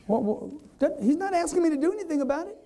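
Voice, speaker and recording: A man giving an energetic live sales seminar, quizzing the audience and acting out customers in quoted voices. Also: very high voice. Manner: energetic, repetitive, keeps quizzing the crowd. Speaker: sales trainer.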